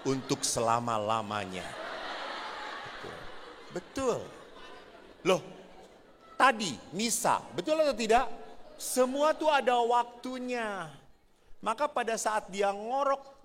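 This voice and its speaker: Animated joking priest in a reverberant hall. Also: male voice, high-pitched, a little hiss or hum. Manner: animated, joking, playful storyteller. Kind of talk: humorous sermon to married couples. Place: large church hall. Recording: reverberant church hall, faint ambience.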